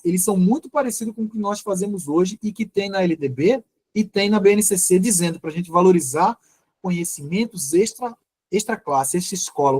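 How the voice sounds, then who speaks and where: A male teacher giving a live online lecture, explaining step by step with frequent restarts and pauses. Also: high voice, darkish tone, no echo.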